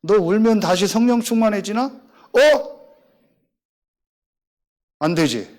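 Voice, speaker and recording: A man voicing a low, mocking demon. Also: lively intonation, slow pace, a little mellow. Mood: taunting. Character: taunting male demon whispering doubts.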